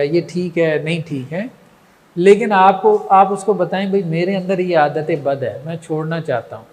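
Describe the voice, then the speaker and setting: Male religious teacher, high voice, long reverb, lecturing and checking in with the audience. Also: a little mellow. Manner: rhetorical, checks in with listeners often. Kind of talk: lecture on moral training.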